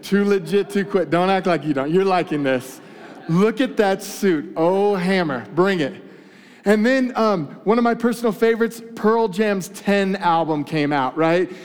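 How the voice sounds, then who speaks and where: A man with a high, smooth, resonant voice tells a story to a live audience, teasing them as he goes. His voice rings out with a long reverb from a large hall. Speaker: speaker addressing a live audience. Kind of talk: lively storytelling talk to a crowd.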